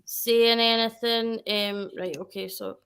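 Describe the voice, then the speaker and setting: A woman's voice: on the high side, fairly even intonation, slow, a bit bright, clear, resonant tone. A woman chatting casually as a guest on a livestream, rambling and correcting herself as she goes.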